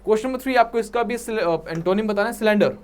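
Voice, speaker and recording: This high-pitched, clean-sounding male teacher has a Punjabi accent and blends Hindi with English while drilling English vocabulary for an exam. He slows down to repeat words for emphasis and keeps asking his students "ठीक है?" or "right?".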